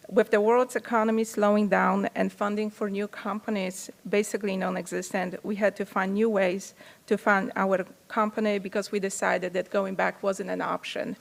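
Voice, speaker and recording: A woman's voice: mid-range voice, creaky. A woman in her forties from Poland with a Polish accent, giving an earnest prepared speech at a podium microphone in a large conference hall. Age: 40s. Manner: earnest, reads with small restarts. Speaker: company founder giving a speech.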